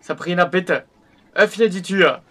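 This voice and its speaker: A man's voice: high-pitched, slow, pushed and bright, heavily acted. A man playing a persistent blind suitor, pleading and insistent, in acted short-film dialogue. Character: persistent blind male suitor, stubborn and earnest.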